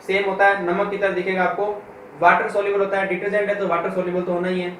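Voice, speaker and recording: A man's voice: sits high, level tone, a bit bright. Male chemistry teacher in an echoey room. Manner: asks the class questions and answers them himself, slowly repeating key terms; reads English textbook lines slowly, word by word. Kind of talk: classroom lecture. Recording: echoey room from far off, with faint noise.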